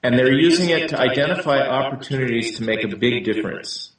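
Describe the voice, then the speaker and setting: A man's voice: mid-range voice, lively intonation, brisk, very echoey, distant mic, poor audio. A man speaking in a conversational interview, explaining ideas and checking in with "right?" as he goes. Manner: frequently tags sentences with "right?".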